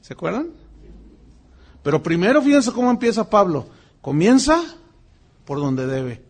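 A man's voice: sits high, a little slow. A middle-aged man with a Mexican Spanish accent, preaching a sermon and telling stories with acted-out voices. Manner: animated storytelling, acts out voices. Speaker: pastor.

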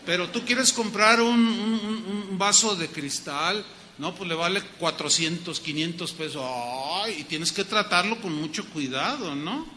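A man's voice: high voice, a little slow, slight background noise. A Mexican man preaching a folksy, joking sermon as a pastor. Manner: lively, folksy, joking, acts out little scenes. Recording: long hall reverb.

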